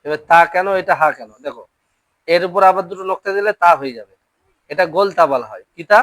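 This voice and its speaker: A teacher leading a classroom Quran reading lesson, calling out Arabic letters and vowel syllables one by one for students to repeat. The voice sits at an ordinary middle pitch, and the sound is dry and close with little room echo. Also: animated, fast, a bit bright. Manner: drills syllables aloud, often checks understanding. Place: classroom with a board.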